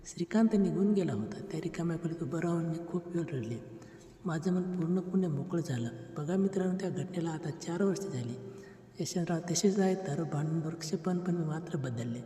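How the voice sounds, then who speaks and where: A woman's voice: fairly low pitch, brisk, mellow, faint music behind. A woman narrating a first-person story in an emotional, earnest way. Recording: roomy reverb.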